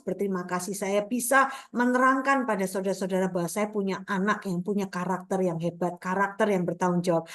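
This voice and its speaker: A middle-aged woman gives a morning devotional, talking in a chatty way with many fillers and tag questions to her listeners. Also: mid-range voice. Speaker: devotional speaker.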